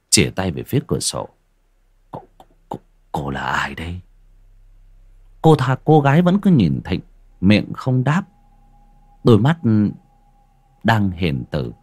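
A man giving dramatic, expressive scripted horror story narration, dropping low and hushed at eerie moments. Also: unhurried, long pauses, breathy edge.

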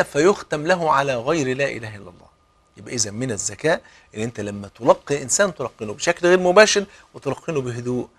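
رجل يلقي خطبة دينية بلهجة مصرية، بأسلوب حيوي يمثّل الأقوال ويرفع صوته ويخفضه كثيرًا. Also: male voice, a little high. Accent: Egyptian Arabic. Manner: animated, acts out quotes with big swings in loudness. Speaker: preacher. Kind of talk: sermon.

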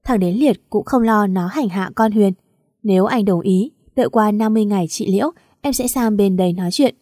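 A woman reading the part of a meddling, sharp-tongued middle-aged aunt with a harsh, pushy way of talking. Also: mid-range voice, brisk, dry recording, clean studio sound, lightly acted.

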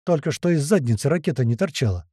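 Man, audiobook narrator, lively slangy storytelling, dark mellow tone, dry close sound. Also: fairly high pitch, quick pace, no room sound. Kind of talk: first-person audiobook narration.

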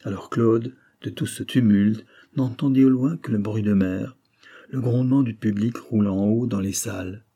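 A man reading a classic novel aloud in a measured way, pausing phrase by phrase. His voice is fairly low, dark and mellow, with a husky grain. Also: fairly even intonation. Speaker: audiobook narrator. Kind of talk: literary audiobook reading.

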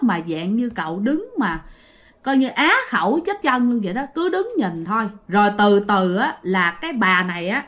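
Speaking with a Southern Vietnamese accent, a woman shares a ghost story conversationally and keeps turning to talk straight to her audience. Her voice sits on the high side with a slightly bright quality.

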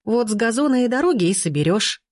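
A woman reader voicing a furious, scornful young woman shouting mockery from a balcony. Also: lively intonation, moderate pace, dry recording, clean studio sound, close to an everyday voice. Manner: shrill and mocking.

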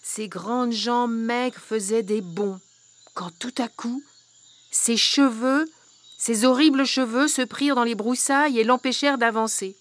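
A woman reading a children's fairy tale aloud in a lively, expressive way. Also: fairly high pitch, measured pace, no echo. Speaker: storyteller. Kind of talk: storybook reading.

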